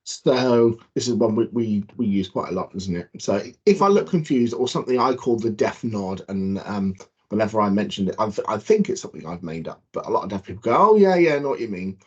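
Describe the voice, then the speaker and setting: A man's voice: lowish voice, a little fast, a little mellow, breathy edge, highs cut off. A man co-presenting an awareness talk to students over a video call, explaining and demonstrating his points. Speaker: guest presenter.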